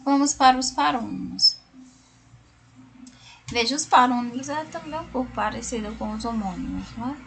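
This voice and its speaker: A woman's voice: fairly high pitch, normal speed, creaky, pauses often, a little hiss or hum. A Brazilian woman teaching a recorded class, explaining word by word and often checking in with tag questions. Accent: Brazilian Portuguese.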